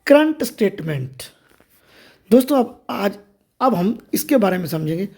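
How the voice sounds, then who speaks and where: A woman's voice: medium pitch, big pitch swings, unhurried, gravelly, darkish tone, breathy edge. A woman hosting a step-by-step tutorial, explaining things directly to listeners. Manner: explanatory, addresses viewers directly. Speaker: tutorial host. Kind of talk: step-by-step screen reader tutorial.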